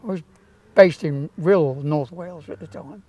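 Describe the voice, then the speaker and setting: Higher-pitched elderly man reminiscing. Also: measured pace, mellow, husky, no room sound. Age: 80s. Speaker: town crier and former Tower of London yeoman warder. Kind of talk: reminiscing in interview, anecdotal storytelling.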